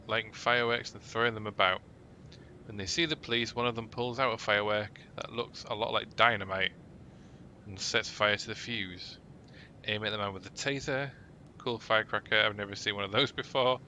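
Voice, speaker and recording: Gamer man narrating his run, low-pitched, over constant hum. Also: normal speed, sharp tone, dull audio. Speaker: gaming YouTuber. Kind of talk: let's play, reading game text aloud.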